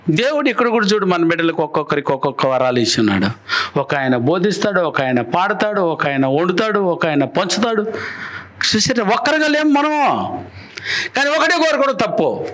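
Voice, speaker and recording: High-pitched pastor guy preaching, lots of rhetorical questions, voice jumps around a lot. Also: fairly bright tone. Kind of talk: sermon. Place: church.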